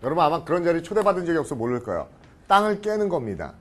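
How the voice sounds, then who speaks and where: A middle-aged man lecturing on English idioms in Korean. He keeps asking the class questions, answers them himself, and often clears his throat. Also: on the high side, big pitch swings, racing. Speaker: professor teaching English idioms.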